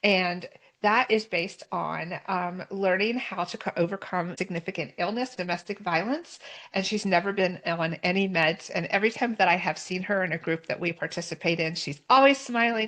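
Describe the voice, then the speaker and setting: A woman hosting an interview show, introducing her guest in an excited, enthusiastic way. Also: medium pitch. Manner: warm and enthusiastic. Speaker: podcast host.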